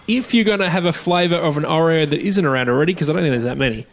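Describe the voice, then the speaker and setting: A man's voice: a little high, rapid-fire, slight background noise. An Australian man hosting a casual comedy podcast chat, with sweary, blokey banter. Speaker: podcast host.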